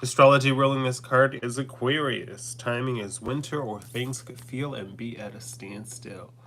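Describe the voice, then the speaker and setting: A man hosting a casual card reading vlog, a bit stuffy from sneezing, chatty and blunt, who swears freely and swings between hushed asides and loud bursts. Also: mid-range voice, fairly even intonation, moderate pace, slight background noise. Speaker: drag entertainer and spiritual card reader.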